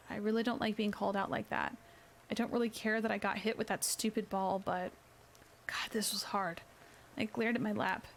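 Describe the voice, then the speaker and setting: A woman reading her own novel aloud in a quiet, soft first-person voice as a whispered role-play. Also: fairly high pitch, vocal fry. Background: rain and crackling fireplace.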